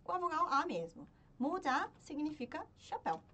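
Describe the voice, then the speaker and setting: Female language teacher, animated and high-pitched, chants syllable drills patiently. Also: normal speed. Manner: patient, repeats and checks with "certo?". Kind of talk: spoken lesson, chanting syllables.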